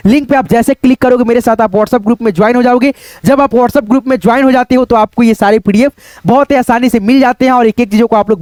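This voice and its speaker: A man with a very high voice runs a casual online reading class, talking straight to his viewers as friends. He slows right down to sound out each word syllable by syllable. The recording is dry and close, with no room sound. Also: darkish tone, no room sound. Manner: chatty, repeats "दोस्तों" often, slows to spell out words. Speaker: Hindi reading teacher.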